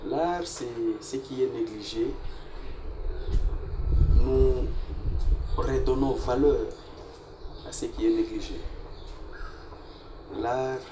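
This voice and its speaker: A man's voice: medium pitch, slow pace, pauses often. A man, answering as a guest artist in a casual interview, laying out his plans at length and mixing in Swahili words. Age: 40s. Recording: echoey room, distant mic, noisy.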